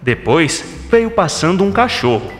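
A man narrating a scripted children's story in an expressive, theatrical way. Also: high voice, measured pace. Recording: echoey, long reverb, music behind.

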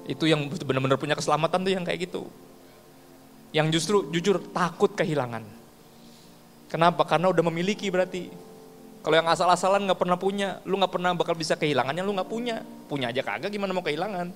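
Male pastor, Ambonese accent, casual slang sermon, slightly high voice, long hall reverb, faint music bed. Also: fast. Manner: casual slang-filled preaching, acts out dialogue.

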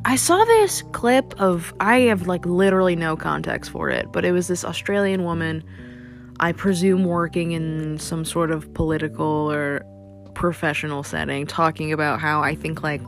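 A young woman hosting a casual solo podcast, rambling with lots of fillers and casual swearing. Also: sits low. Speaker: podcast host.

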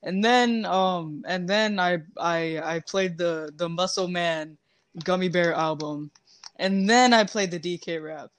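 A man chatting casually while playing a zombie game, joking and rambling, often trailing off softly. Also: high-pitched, measured pace, clean tone, no echo. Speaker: gamer streaming zombie survival. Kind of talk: casual gaming chat.

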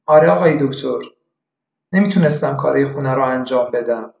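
A woman's voice: extremely low pitch, vocal fry, a little mellow. A man doing a pious lonely old widow. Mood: weary. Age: older. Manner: sighing, fatalistic, calls the doctor son. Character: elderly widowed woman patient, pious and lonely. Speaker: psychiatric patient. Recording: echoey room, dull lo-fi.

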